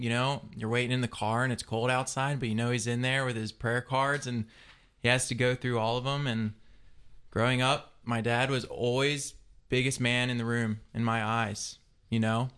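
A man's voice: mid-range voice, a bit bright, clean tone. A young man from the Philadelphia area, a guest who reflects thoughtfully as he tells his story. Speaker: interview guest.

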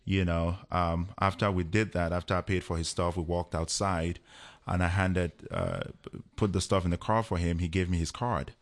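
A man, a guest telling a personal story in an unhurried way with many fillers. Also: sits low, lively intonation. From Cameroon.

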